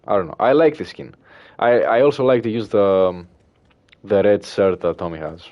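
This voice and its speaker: Here a man from Greece, speaking with a Greek accent, keeps up easygoing livestream chat while playing, going through messages from viewers. His pitch is fairly low, his speed normal, and the audio sounds dull. There's a relaxed, hesitant manner to him, full of fillers and soft laughter.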